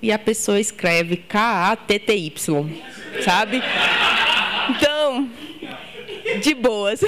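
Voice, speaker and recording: A young woman from Ceará, giving a short live tech talk in a casual, joking, chatty way with the audience. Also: fairly high pitch. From Ceará, Brazil. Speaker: conference speaker.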